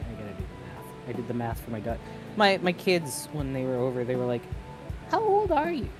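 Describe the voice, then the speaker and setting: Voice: medium pitch, huge pitch swings, brisk. A person in their late twenties hosting a crafting stream, chatting playfully and teasing their partner. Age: 20s. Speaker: streamer host. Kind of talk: casual chat while crafting. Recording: music playing underneath.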